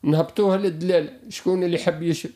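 Measured Tunisian scholar, man. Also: on the high side, steady tone, warm tone. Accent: Tunisian Arabic. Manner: measured, explaining with repeated phrases. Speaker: religious scholar guest. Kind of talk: radio advice talk.

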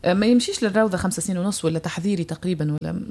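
A Tunisian woman host with a lower voice speaks quickly when she asks questions. Between them, she keeps up a steady stream of short murmured agreements. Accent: Tunisian Arabic. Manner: attentive, frequent murmured assent. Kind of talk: talk show hosting.

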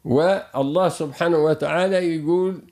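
Man, Tunisian accent, religious scholar, slightly high voice, measured and repetitive. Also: darkish tone. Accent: Tunisian Arabic. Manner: measured, explaining with repeated phrases. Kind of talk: radio advice talk.

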